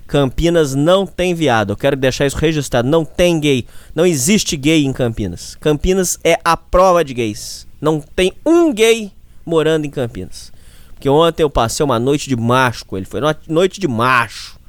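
A man's voice: fairly high pitch, animated, normal speed, dry recording. Hungover Brazilian man hosting, clean dry sound. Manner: tongue-in-cheek macho bravado, repetitive. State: hungover, with a headache. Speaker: show host. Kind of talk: casual podcast monologue.

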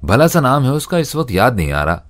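A man's voice: mid-range voice, very animated, brisk, voice pushed up, lightly acted. A man voicing a kindly elderly pilgrim who asks polite, curious questions in a told story. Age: older.

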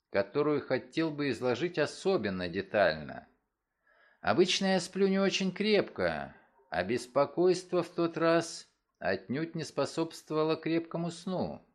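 A man reading a first-person story aloud, with dramatic, expressive delivery. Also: a little high. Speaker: audiobook narrator. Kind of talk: first-person scripted narration.

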